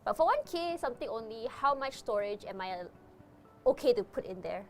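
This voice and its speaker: Giddy high-voiced young woman host. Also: expressive, soft background music. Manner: giddy, fast, laughing, jokey. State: jittery on energy drink. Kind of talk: live-stream tech show chat.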